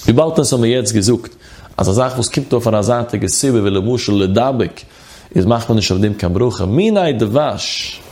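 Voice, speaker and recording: A man's voice: fairly low pitch, lively intonation, normal speed, a little mellow. Man in a sing-song study lesson. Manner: sing-song study chant, reading phrases then explaining. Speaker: religious teacher. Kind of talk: chanted text study lesson.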